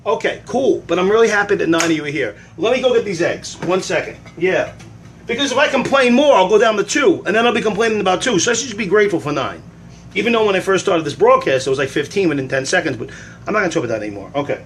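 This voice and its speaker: Bright-voiced man chatting on a phone livestream. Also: high-pitched, lively intonation, quick pace, slight background noise. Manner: chatty, rambling, self-deprecating. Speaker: livestream host answering fan questions. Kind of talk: casual rambling livestream chat. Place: at home cooking eggs.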